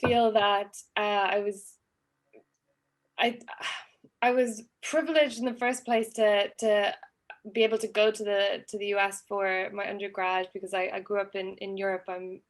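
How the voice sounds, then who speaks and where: A woman's voice: medium pitch, flat delivery, moderate pace. A woman who grew up in Switzerland, answering on a panel in a thoughtful way and often restarting her sentences. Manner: thoughtful, self-correcting, with restarts. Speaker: panelist, alumna.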